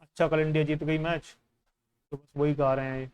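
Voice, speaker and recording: A man's voice: on the high side, little pitch movement, moderate pace, a little mellow, clean tone, dull audio. A man coaching exam students in a casual lesson, talking the listener through a newspaper in a conversational, instructive way and mixing in English phrases. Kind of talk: casual teaching while going through a newspaper.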